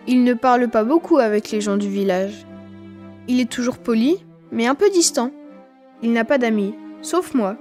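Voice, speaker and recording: A woman's voice: a little high, darkish tone. A woman reading a children's story aloud for language learners, telling it expressively in the voice of a twelve-year-old boy. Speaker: reader.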